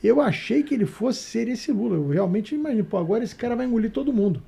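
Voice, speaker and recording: Gravelly-voiced Brazilian man debating. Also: very high-pitched, expressive, fast, warm tone. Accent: Brazilian Portuguese. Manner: sarcastic, mocking voices of others. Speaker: panelist. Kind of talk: political debate talk.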